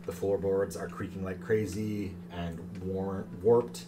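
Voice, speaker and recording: A man's voice: low voice, little pitch movement, slow. A man improvising scene descriptions as the game master of a tabletop game. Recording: noisy room recording.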